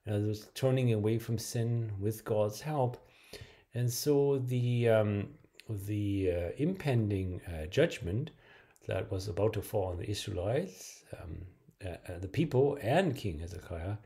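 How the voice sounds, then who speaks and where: A man's voice: fairly low pitch, slow pace, dark tone. A middle-aged man giving a sermon to camera in a small room, hesitant with many fillers and restarts. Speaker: preacher. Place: small bright room indoors.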